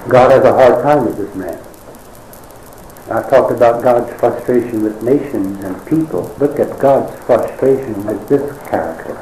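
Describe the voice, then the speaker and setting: A man delivers a sermon in a wry, conversational way, with drawn-out dramatic pauses. His voice is mellow and warm. The room is echoey, with faint ambient noise behind him. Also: mid-range voice. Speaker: preacher.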